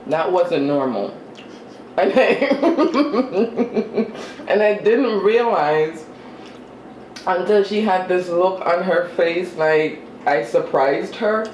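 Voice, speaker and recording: Slow, roomy mukbang vlogger chatting. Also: medium pitch, lively intonation, darkish tone. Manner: eats while talking, with chewing and mm-hmm sounds; chatty and self-deprecating. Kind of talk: casual eating vlog chat. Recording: roomy with faint ambient noise.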